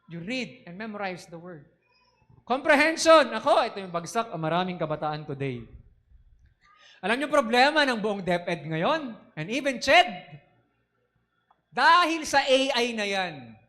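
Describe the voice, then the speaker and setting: A man preaching a sermon in an animated way, switching between Tagalog and English and asking the congregation questions. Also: sits high, unhurried, pauses often.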